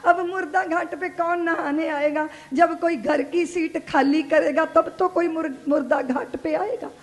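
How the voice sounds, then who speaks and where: A woman narrating a devotional katha story in an animated, dramatic way, acting out the characters. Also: very high-pitched, a little slow. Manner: animated, dramatic, acts out voices.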